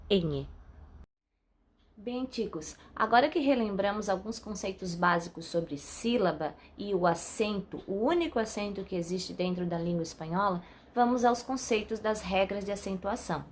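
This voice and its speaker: A woman's voice: medium pitch, lively intonation, normal speed, slight background noise. Patient Brazilian woman teaching a class. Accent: Brazilian Portuguese. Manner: patient, explaining step by step. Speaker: Spanish teacher. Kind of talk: recorded online class.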